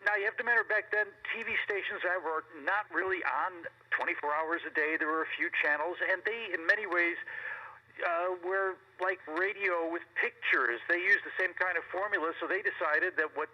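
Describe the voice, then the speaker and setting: A man's voice: high-pitched, steady tone, moderate pace, muffled recording. An older American man speaking as an interview guest, telling history conversationally with frequent asides. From Chicago, United States. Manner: informative, recounting history with asides. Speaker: interview guest, veteran television horror host.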